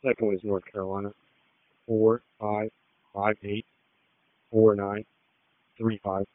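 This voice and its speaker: A man, a police officer, reading numbers in a flat, clipped way over a police radio transmission. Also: lowish voice, unhurried, no room sound. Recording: tinny radio band, dry.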